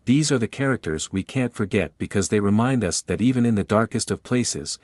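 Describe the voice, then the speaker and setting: A man's voice: lowish voice, animated, brisk, a little mellow, dry recording, studio quality. A man hosting a video and reading scripted narration.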